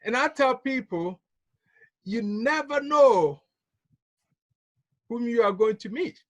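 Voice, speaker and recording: A man's voice: very high voice, lively intonation, slow, fairly bright tone, dry recording. A man from Ghana giving a motivational business talk on a call, telling stories, repeating key phrases and chuckling often. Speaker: business trainer.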